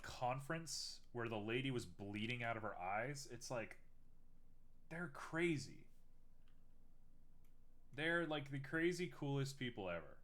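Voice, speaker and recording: This is a young man chatting casually during a live art stream, self-mocking and thinking aloud while he works. His voice is medium in pitch with a fairly bright tone.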